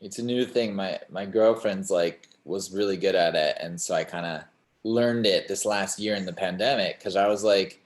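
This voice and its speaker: This young man, a singer-songwriter guesting on an interview, has a deep voice and a moderate pace. He talks casually and meanders, dropping "like" and "you know" constantly, and the recording carries a roomy echo.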